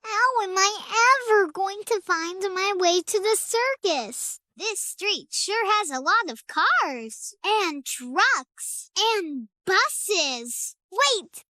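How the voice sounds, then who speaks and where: A woman's voice: very high voice, lively intonation, drawn-out words, few pauses, sharp tone, dry recording, heavily acted. A woman voicing Ellee, an eager and cheerful young girl elephant in a preschool cartoon, talking straight to the viewer in a sing-song way. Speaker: voice actor.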